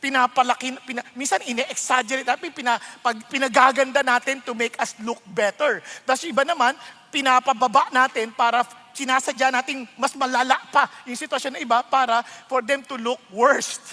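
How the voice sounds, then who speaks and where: High bright-voiced pastor, echoing hall. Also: male voice. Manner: lively, playful, mixing English into preaching, acting out quarrels. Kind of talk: sermon. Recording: long reverb of a large hall.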